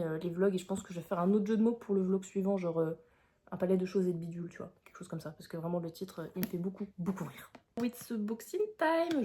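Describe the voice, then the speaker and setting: Chatty young woman book vlogger, mellow voice. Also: medium pitch. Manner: chatty and expressive, frequent fillers, bursts of excitement. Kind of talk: casual reading vlog chat.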